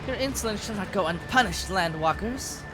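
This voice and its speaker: A man's voice: sits high, lively intonation, brisk, voice pushed up. A man voicing a haughty, cruel storm goddess from a game, imperious and theatrical in old-fashioned diction. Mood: haughty scorn. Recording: game music behind voice.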